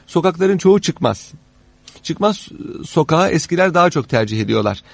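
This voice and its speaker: A man explaining history in conversation as an expert guest, haltingly, pausing mid-sentence and rephrasing as he goes. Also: a little high, big pitch swings, gravelly, no echo. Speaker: interviewed guest, expert on old Istanbul.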